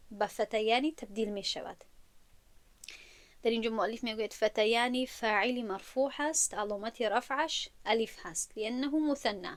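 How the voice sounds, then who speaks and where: A woman teacher gives a grammar lesson, explaining patiently step by step and repeating key terms. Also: a little high.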